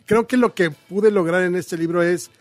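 A man with a Mexican Spanish accent, a guest historian telling history in a measured, explanatory way on a radio talk show. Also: high-pitched, no room sound, faint music behind.

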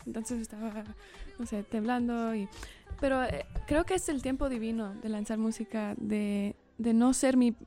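A young woman from California, United States, gives earnest, reflective interview answers as a singer-songwriter, speaking Spanish tinged with Spanglish and American English influence. Her voice is on the high side with a dark tone, at normal speed, over soft background music.

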